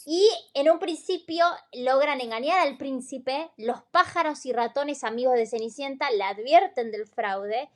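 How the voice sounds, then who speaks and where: High-voiced woman podcaster telling stories. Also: unhurried, hardly any pauses. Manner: conversational storytelling, with frequent fillers and tag questions. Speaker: podcast co-host. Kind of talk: casual podcast chat.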